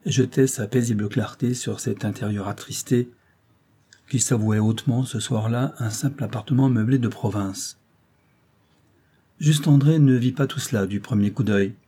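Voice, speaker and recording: A male narrator reading a classic novel aloud in an even, unhurried manner. His voice sits low, with a warm, mellow and slightly husky tone. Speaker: audiobook narrator. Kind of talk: scripted literary narration.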